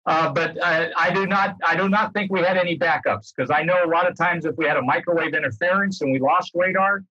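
Here the former air traffic controller, an older American guest speaker, keeps rephrasing an informal explanation on a video call. He talks fairly fast in a high-leaning voice that sounds pushed and bright with a breathy edge. The computer mic in his book-filled home room gives the audio a dull, roomy, low-fidelity quality.

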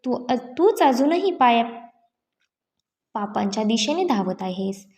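A calm, compassionate sage, as a woman reads him. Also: on the high side, slow pace, roomy sound, muffled recording, full character voice. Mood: serene. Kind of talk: storybook narration.

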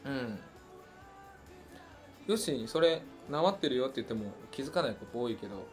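A man's voice: medium pitch, moderate pace, faint music behind. A young man from Hiroshima with a Hiroshima accent, a singer hosting a fan livestream and chatting casually as he answers listener questions, musing aloud with frequent fillers. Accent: Hiroshima Japanese. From Hiroshima, Japan. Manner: relaxed and chatty, muses aloud with many fillers.

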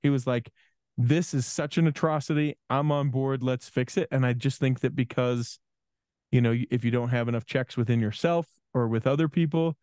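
A man's voice: medium pitch, moderate pace, darkish tone, clean tone, dry recording. A man in his forties, a podcast co-host in casual conversation, speaking reflectively with frequent restarts into a studio microphone. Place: small studio room. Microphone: studio microphone with headphones.

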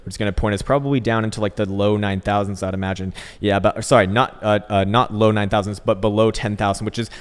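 A man's voice: lowish voice, fairly even intonation, quick pace, few pauses, smooth. A man giving casual, rambling market commentary with jokey, coarse slang, recorded in a bare echoey room like a warehouse. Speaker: host of crypto trading channel. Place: indoors, untreated hard-walled room.

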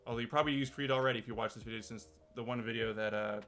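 A man's voice: medium pitch, steady tone, very fast, fairly bright tone, soft background music. A man hosting his own channel, talking casually to camera in a loose, rambling way with many restarts. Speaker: channel host. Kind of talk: casual talk-to-camera commentary.

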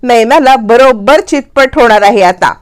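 A woman's voice: a little high, expressive, a little slow. A woman voicing a scheming young husband, coaxing and smug as he misleads his wife.

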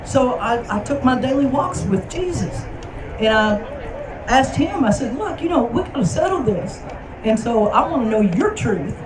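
An older woman speaking emphatically and insistently outdoors, giving personal testimony into a handheld microphone. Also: sits high. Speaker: festival attendee in a street debate. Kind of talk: impassioned personal testimony and debate. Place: outdoor festival plaza. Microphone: handheld microphone held out to speaker. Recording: open-air echo with crowd behind.

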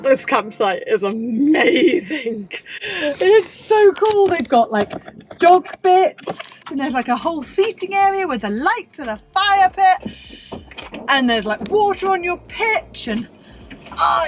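A woman in her thirties vlogging from inside a motorhome, chatty and excitable, talking to herself and her dog. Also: high voice, slow pace, slight background noise. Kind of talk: casual vlog narration to camera. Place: inside a motorhome, partly while driving.

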